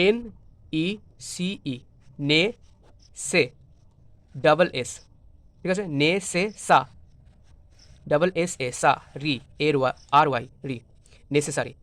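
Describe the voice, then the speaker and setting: A man's voice: a little high, expressive, a little slow, pauses often. A man with a Bengali accent teaching an exam-prep English lesson, spelling words letter by letter and mixing Bengali with English.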